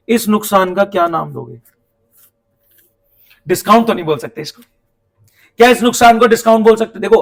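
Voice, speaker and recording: A man teaching an accounts class, lively and talking straight to his students, acting out little dialogues. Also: high voice. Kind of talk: classroom coaching lecture. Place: coaching classroom.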